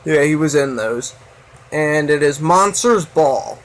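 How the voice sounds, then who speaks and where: A man's voice: a little high, lively intonation, takes it slowly, low-quality recording. A man hosting a casual video, rambling with many fillers. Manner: rambling, full of "so yeah" and fillers. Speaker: video host. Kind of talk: casual chat.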